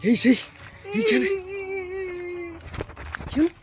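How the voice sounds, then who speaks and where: A vlogger shooting a ghost-hunting video talks to his viewers like friends in a very high, sing-song voice, taking his time. He lets out jumpy, frightened exclamations and keeps calling for his mother, all against a noisy background.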